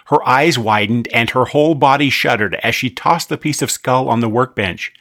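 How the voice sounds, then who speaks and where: A man narrating a children's storybook in an expressive, animated way. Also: mid-range voice, normal speed, no room sound, clean studio sound.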